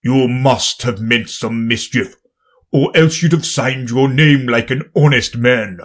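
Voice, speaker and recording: A man's voice: medium pitch, slow. A man doing a blustering pompous old king. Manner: loud, pompous proclamations. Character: fussy blustering old male king judge.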